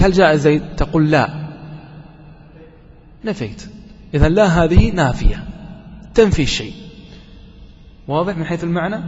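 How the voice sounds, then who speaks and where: Male grammar teacher, slightly high voice, questions and answers his class, dull lo-fi recording with long reverb. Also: darkish tone. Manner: asks the listeners questions and answers them himself; slows down to chant quoted verses.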